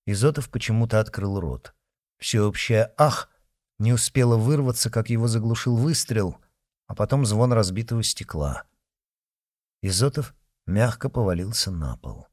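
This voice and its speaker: A man narrating a historical detective audiobook with dramatic, expressive reading. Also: medium pitch. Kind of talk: scripted narration.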